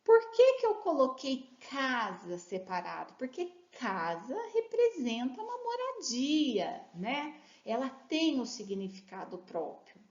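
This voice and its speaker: A woman with a fairly high, very animated voice, teaching a lesson on reading. She quizzes her listeners and drags words out syllable by syllable to show the sounds. The recording is roomy and a bit muffled. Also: slow pace, few pauses. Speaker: literacy educator. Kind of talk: instructional talk to teachers and parents.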